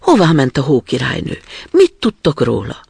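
A man voicing a timid, anxious little girl who speaks softly, in a storybook reading. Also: medium pitch, huge pitch swings, vocal fry, breathy edge, dry recording, exaggerated voice. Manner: timid, soft.

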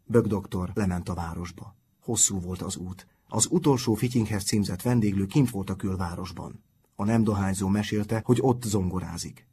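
A man reading a novel aloud in a calm, measured audiobook narration. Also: sits low, a little hiss or hum.

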